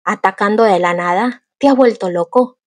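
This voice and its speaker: A woman's voice: medium pitch, moderate pace, dry recording, natural voice. A woman voicing a proud, short-tempered young nobleman. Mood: angry. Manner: cold and curt, easily offended.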